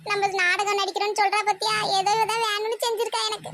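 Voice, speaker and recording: A woman's voice: very high voice, level tone, quick pace, pitched above the performer's own voice. A woman voicing a sulky, dramatic grown daughter, whining and complaining in a cartoon. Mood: whiny. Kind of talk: cartoon voice acting. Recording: loud background noise.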